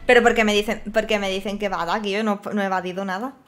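A woman's voice: medium pitch, fairly even intonation, very fast, a bit bright. A woman with a Spanish accent from Spain, streaming a game with casual commentary, swearing and laughing as she plays. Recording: faint game music behind.

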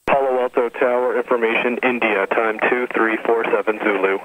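A man reading a recorded airport weather broadcast heard over aircraft radio, in a measured readout of figures. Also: mid-range voice, flat delivery. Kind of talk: recorded automated weather and airfield information readout. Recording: tinny narrowband aircraft radio.

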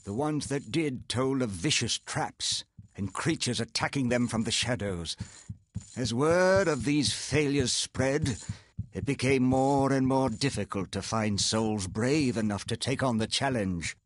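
A man playing a wealthy self-made inventor in a video game, telling his story in a measured, earnest, formal way, proud and regretful. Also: mid-range voice, no room sound, close to an everyday voice. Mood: grave. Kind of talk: reading video game dialogue aloud. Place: indoor home streaming setup, close and dry.

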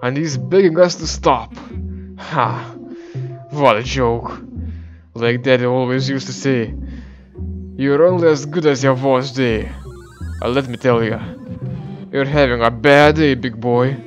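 A loud, bragging gang showman with a raised, pushed voice, taunting everyone in reach, as a man puts him on. The sound is dull and lo-fi, with faint music underneath. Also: mid-range voice, unhurried, long pauses, close to an everyday voice.

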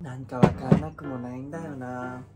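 A young man hosting his channel, ranting comically in an animated, theatrical way and breaking into high shrieks and mock wails. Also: fairly quick. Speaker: idol and channel host. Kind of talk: comedic ranting monologue. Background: background music.

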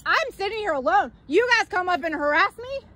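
A woman with a sharply high-pitched voice yells at officers in an outdoor park. She is defiant and relentless, repeating herself again and again as she confronts them. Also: animated, a little fast. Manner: yelling, defiant, repetitive demands. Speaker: mother confronting police. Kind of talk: heated street confrontation.

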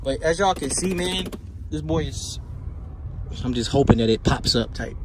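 A man's voice: fairly high pitch, lively intonation, moderate pace. A man vlogging from behind the wheel, talking loosely and profanely straight to his viewers about flipping auction cars. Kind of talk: casual vlog while driving. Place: inside a moving car. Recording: loud road and car noise.

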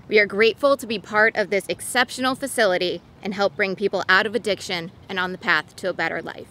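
Bright woman reading formal remarks. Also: mid-range voice, fast, a little hiss or hum. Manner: scripted, formal. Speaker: regional director. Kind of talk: ceremony speech. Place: outdoors.

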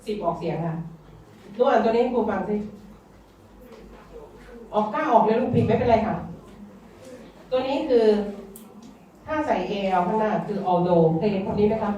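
A woman's voice: medium pitch, moderate pace, pauses often, dark tone. A Thai woman teaching English in a classroom, coaxing students to repeat words aloud. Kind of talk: classroom lesson. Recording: distant roomy classroom sound, dull.

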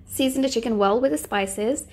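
A woman's voice: on the high side, moderate pace, a little mellow. A woman hosting a cooking channel, giving friendly step-by-step recipe instructions in a voice-over.

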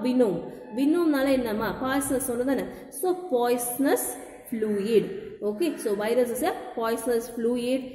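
Fast South Indian woman teacher, high-pitched. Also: warm tone. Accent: South Indian Tamil. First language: Tamil. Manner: didactic, repetitive, asks and answers own questions. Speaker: biology teacher. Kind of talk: school lesson mixing two languages. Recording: echoey, reverberant room.

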